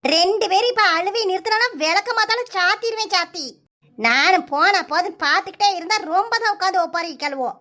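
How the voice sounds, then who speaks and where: A voice actor playing a scolding village mother in a cartoon, speaking with a Kanyakumari Tamil accent in a sharp, threatening manner. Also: fairly quick. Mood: impatient. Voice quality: high, pitched-up cartoon voice. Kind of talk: cartoon voice acting.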